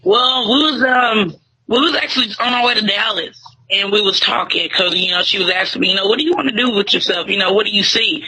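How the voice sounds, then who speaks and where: Brisk and forceful, with a bright tone and a breathy edge, this young woman's mid-range voice comes through a rough recording. She is a Tyler, Texas radio host being interviewed, chatting casually in relaxed slang and lots of filler words.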